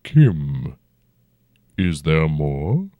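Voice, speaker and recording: A man voicing a huge, very old and noble dragon who speaks slowly and formally with a rumbling tone. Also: big pitch swings, no echo, phone-quality sound, heavily acted. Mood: stately, probing. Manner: slow, stately and formal, old-fashioned speech. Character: ancient noble dragon, huge, calm and probing.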